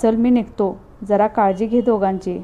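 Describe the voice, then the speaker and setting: A worn-out young father from a storybook, tender and strained, speaks softly and with quiet fatigue, as a woman reads his lines. The tone stays gentle and subdued. The recording sounds slightly dull and lo-fi. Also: mid-range voice, steady tone, normal speed, lightly acted. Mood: weary. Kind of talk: storybook reading.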